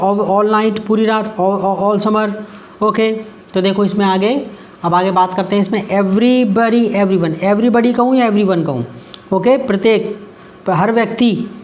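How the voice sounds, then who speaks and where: A man with an Indian accent teaching English grammar, asking his pupils questions and reading examples out slowly. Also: high-pitched. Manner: many fillers and restarts, asks the class questions.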